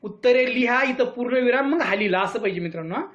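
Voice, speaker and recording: A man's voice: very high voice, animated, fast talker, fairly bright tone, highs cut off. A male teacher going through a worksheet, reading the questions and choices aloud and calling the viewers his friends. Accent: Marathi. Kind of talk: worksheet explanation lesson.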